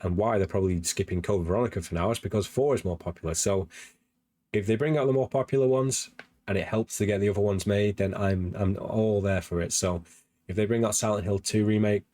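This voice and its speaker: A man with a very low voice hosts a casual gaming news livestream, rambling eagerly with lots of fillers and restarts. His voice sounds slightly worn, and the sound is dry and close with no room echo. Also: steady tone, a little fast, mellow. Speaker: podcast host.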